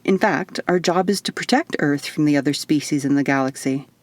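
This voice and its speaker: For an audiobook, a woman with a low-pitched, brisk voice plays a stern, matter-of-fact male alien guardian in human form. She explains things firmly in a measured tone, and there's no echo.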